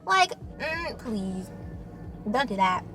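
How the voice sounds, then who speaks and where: A woman's voice: on the high side, sing-song, takes it slowly, over music. A young woman chatting casually with the camera while eating, chatty and loose, full of fillers. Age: young adult. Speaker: vlogger. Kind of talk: casual mukbang chat.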